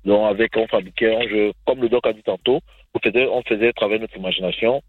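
Low-voiced male caller on tinny phone line. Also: steady tone, husky, dry recording. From Africa. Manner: repetitive, halting phrasing. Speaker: radio call-in listener. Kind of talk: casual phone-in opinion.

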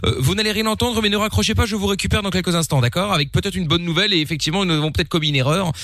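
A man's voice: sits high, racing, a bit bright, no room sound, clean studio sound. A man hosting a radio prank call, mock-polite and hesitant, full of fillers.

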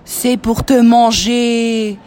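A woman reading a storybook aloud, voicing a hungry scheming male wolf with a loud, drawn-out delivery. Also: on the high side, flat delivery. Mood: menacing.

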